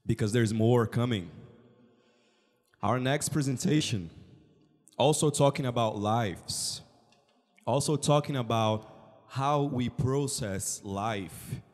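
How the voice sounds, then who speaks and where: A man hosting a school talk event, introducing student speakers with slow, drawn-out encouragement. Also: medium pitch, a little mellow. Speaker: event host. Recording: long hall reverb.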